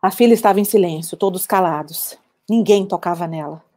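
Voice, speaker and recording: An actress playing an older woman war veteran who recounts her memories in a measured, reflective dramatic monologue. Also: fairly low pitch, dark tone, close to an everyday voice. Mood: sober.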